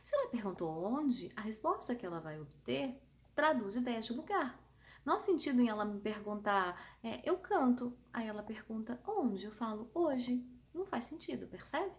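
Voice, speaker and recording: A woman with a São Paulo countryside Brazilian accent teaching an online grammar lesson, lively and emphatic, often checking with her students. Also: a little high, moderate pace. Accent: São Paulo countryside Brazilian Portuguese. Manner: lively, emphatic, asks the class checking questions. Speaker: Portuguese teacher.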